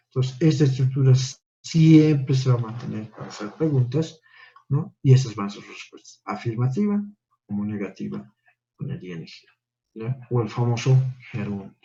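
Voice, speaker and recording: A man's voice: mid-range voice, creaky, dark tone, highs cut off. A male teacher giving a step-by-step classroom lecture, often checking in with his listeners through short tag questions. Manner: explains step by step, tags lines with "¿no?" and "¿ya?".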